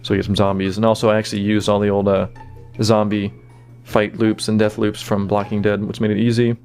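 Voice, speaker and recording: Soft background music plays as a low-voiced man offers laid-back commentary on making his animation. He talks a little fast and leans on fillers like "kinda" and "you know."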